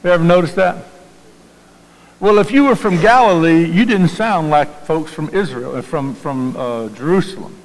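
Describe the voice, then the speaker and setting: A man with a Southern US accent preaching a sermon in a conversational way, often repeating words and putting questions to his congregation. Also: a little high. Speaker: pastor. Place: church sanctuary. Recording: long hall reverb in a church.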